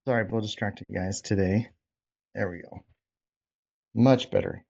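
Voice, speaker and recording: His voice is lowish, gravelly and darkish, delivered at a measured pace with fairly even intonation. He's hosting a casual group coaching session over a video call, encouraging and informal as he checks in. The audio is dull, lo-fi video call sound.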